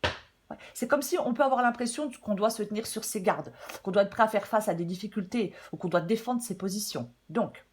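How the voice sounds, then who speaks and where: Slightly hoarse woman doing a weekly tarot reading, casual and chatty, mid pitch. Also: fairly quick, a little hiss or hum. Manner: casual, chatty, with fillers and throat clearing. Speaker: tarot reader.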